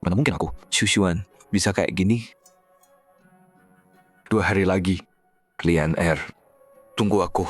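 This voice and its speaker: A humble young husband, earnest and devoted, in a fantasy drama. The voice is deep, with faint music behind it. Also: male voice, unhurried, long pauses, slightly rough, dry recording. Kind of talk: dubbed fantasy drama acting.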